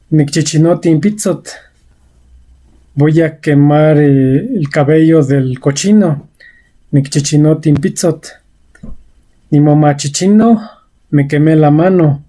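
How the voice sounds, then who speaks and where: A woman's voice: low voice, warm tone. A woman giving a vocabulary lesson, saying each word and example carefully and repeating it. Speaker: language teacher.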